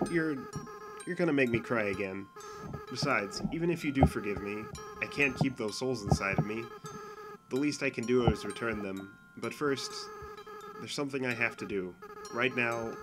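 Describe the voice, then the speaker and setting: A tearful, remorseful young goat monster boy from a game, speaking softly and earnestly, as a man voices him. His voice sits in a middle register. Clear background music plays under the lines. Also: medium pitch, moderate pace, natural voice. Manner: soft, pleading and earnest. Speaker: fan voice actor. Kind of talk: fan dub of a game scene.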